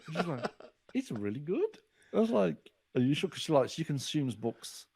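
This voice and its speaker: A guest author in his forties talks in a casual podcast conversation, his voice fairly high and slightly rough at a moderate pace. He tells his stories with animation, voicing what other people said.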